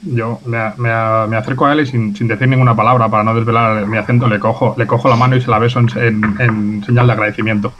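A man describing his character's actions in a tabletop game, often repeating words haltingly. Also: medium pitch, fairly even intonation. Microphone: headphones on video call. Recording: muffled, faintly noisy video call.

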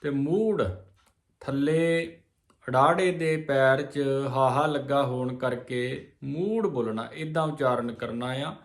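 A man teaching how to pronounce scripture, slowly chanting verses and then explaining each word. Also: medium pitch, reverberant. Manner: slow chanted recitation broken by quick spoken explanations. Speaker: religious teacher. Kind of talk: scripture pronunciation lesson.

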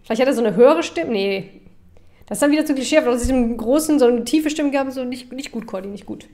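A woman's voice: high voice, mellow. Chatty woman streaming a game. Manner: chatty, quick asides. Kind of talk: casual let's-play commentary.

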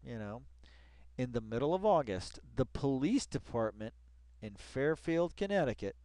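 Reading an article aloud, a man rambles through casual, profane commentary, muttering to himself and exasperatedly repeating phrases. His mid-range voice is warm and sing-song at a moderate pace, with a clean, dry sound.

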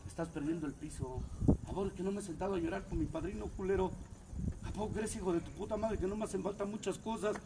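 A man with a Mexican accent tells a comedic, profanity-filled story at a recovery meeting, shifting from low mumbling into loud, shouted tirades. He talks fast, and the background is noisy.

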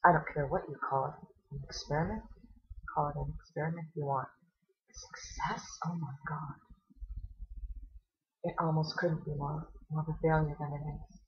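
A woman's voice: low voice, fairly even intonation, normal speed, pauses often, breathy edge, highs cut off. A woman making a video response, indignant and sarcastic, firing off rhetorical questions. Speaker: video blogger.

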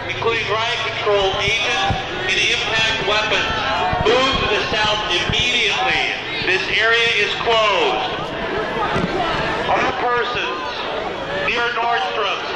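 A man's voice: sits high, very noisy. Man blasting orders through a sound cannon. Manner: slow, commanding, formal legal warnings. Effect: blasting loudspeaker sound cannon. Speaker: police dispersal announcer. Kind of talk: crowd dispersal orders. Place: outdoors on city streets at a protest. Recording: distant echoing street recording over loud crowd and music. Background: loud crowd and music.

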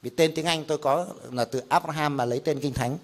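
A middle-aged pastor leads a Bible class in a conversational manner, his voice on the high side and his delivery brisk. He explains through examples and rhetorical questions.

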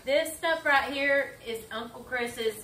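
A woman's voice: sits high, slow pace, pushed and bright, a little hiss or hum. A middle-aged woman co-hosting a home cooking video, chatting and explaining each step as she cooks in her kitchen. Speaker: cooking show co-host. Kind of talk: casual home cooking chat. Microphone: far camera across the room. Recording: echoey kitchen from far off.

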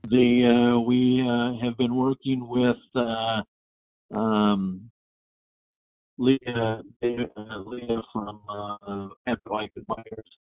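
A man calling into a council meeting as a staff member, his audio breaking up and cutting out, speaking haltingly with many fillers. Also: mid-range voice, little pitch movement, dry recording. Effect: remote call-in audio breaking up and cutting out. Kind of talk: remote meeting report. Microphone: phone or computer call-in. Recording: tinny phone-like call line, dry.

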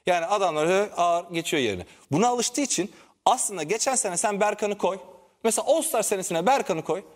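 A man's voice: high-pitched, lively intonation, a little fast, big-room sound. A man on a TV panel show, arguing his point insistently and explaining with examples. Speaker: TV panel commentator. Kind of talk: heated panel debate.

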